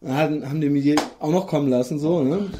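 A man's voice: on the high side, quick pace, noisy background. A man casually telling a long rambling anecdote, acting out quoted lines as he goes. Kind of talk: casual chat.

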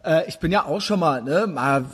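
Speaking at a normal speed, this husky, high-voiced man rambles his way through stories in easygoing podcast banter. His style is blunt and self-deprecating, and nothing feels rehearsed.

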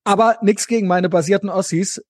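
A man's voice: sits high, fairly even intonation, a little fast, no room sound, clean studio sound. A man from West Germany co-hosting a podcast, chatting casually and slangily about politics, often tacking on tag questions. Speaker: podcast co-host.

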